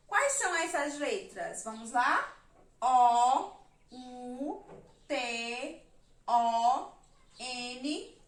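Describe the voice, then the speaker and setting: A woman teacher from Brazil giving a remote lesson to young children, counting letters and syllables slowly and patiently. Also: high voice, pushed and bright, echoey room.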